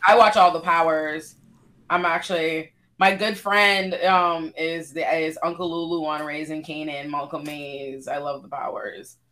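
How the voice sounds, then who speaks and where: Bright-voiced woman in animated panel chat. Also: low-pitched, a little slow. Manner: animated, chatty, plugs her own work. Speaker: panel co-host.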